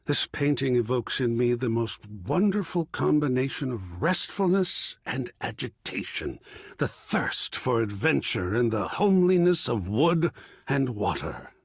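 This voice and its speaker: A video game gallery curator character, an effusive, refined man who is an artwork come alive, speaks in an exaggerated voice with wildly swooping pitch and a slightly husky edge. Very animated yet a little slow, he's fussy and theatrical, dreamily savoring ornate, florid phrases. The recording is dry and close.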